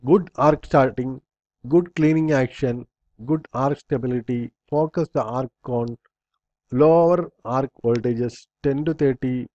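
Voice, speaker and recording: A man's voice: mid-range voice, warm tone, no room sound, dull audio. A man instructor reading slide bullet points aloud in a recorded lecture, in short fragments with small slips and restarts.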